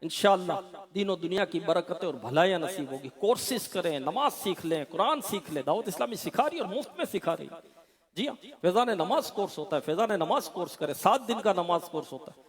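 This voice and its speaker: High-voiced fervent male preacher. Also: animated, fairly quick, crowd noise. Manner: fervent, swings into chanted singing. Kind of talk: sermon with sung devotional verses. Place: large hall.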